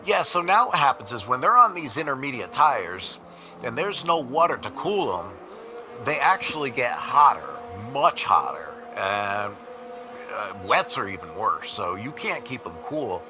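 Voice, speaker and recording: A man's voice: medium pitch, big pitch swings, unhurried. A man with a New York accent commentating a sim race casually, with lots of fillers and restarts. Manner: casual, rambling, many fillers. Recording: noisy with engine sounds behind. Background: racing car engines.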